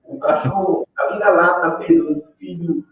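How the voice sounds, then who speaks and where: A man's voice: high voice, fairly even intonation, normal speed. Older guy rambling on a live stream, keeps tagging né, sounds far off in an echoey room, dull muffled audio. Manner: rambling, frequent "né?" tags and filler "é". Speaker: professor guest on a live stream. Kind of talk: casual opinion talk. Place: room on a live video call. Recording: distant, echoey, dull lo-fi sound with faint noise.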